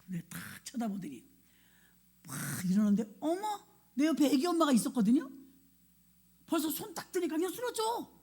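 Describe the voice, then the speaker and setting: A woman's voice: high-pitched, normal speed, pauses often. A woman pastor giving a sermon, telling a personal story and acting out scenes and her own thoughts. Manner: animated, acts out scenes and quoted thoughts. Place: church sanctuary.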